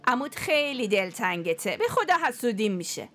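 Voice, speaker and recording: A woman's voice: medium pitch, sing-song, a bit bright. A woman dubbing a rambling, fussing older wife in a drama series. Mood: eager. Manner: rambling, fussy. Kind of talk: Persian dub of a drama series.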